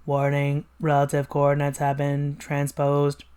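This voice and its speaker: A comic read-along reader voicing a cold robotic evil robot double in a flat, clipped machine voice, giving monotone robot announcements. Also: mid-range voice, measured pace, clear, resonant tone, natural voice. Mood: mechanical.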